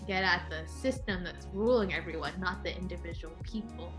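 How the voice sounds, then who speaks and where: A woman's voice: lowish voice, fairly quick, music in the background. A young adult woman in a casual book chat over a video call from a small room. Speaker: book discussion participant.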